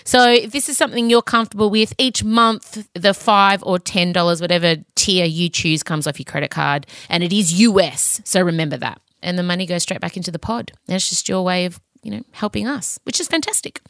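A middle-aged woman with a slightly low voice hosts a podcast, recorded close and dry. She chats in a confessional, theatrical way, candid, sweary and happy to mock herself. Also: fairly quick, few pauses, a bit bright, no room sound. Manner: sweary, theatrical, self-mocking candour. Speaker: podcast host. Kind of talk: chatty, confessional solo podcast monologue.

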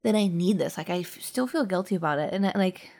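A young woman with a lowish, gravelly voice talks in a halting, unsure way. She restarts her sentences often and fills the gaps with small hesitations. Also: lively intonation, dark tone. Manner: hesitant, many fillers and restarts, laughs often. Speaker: podcast co-host. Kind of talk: casual intimate conversation.

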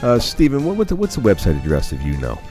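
Brief: male radio interviewer, very deep, lively and quick, pushy follow-ups. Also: soft background music. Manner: probing, interrupting with follow-up questions. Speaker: radio show host.

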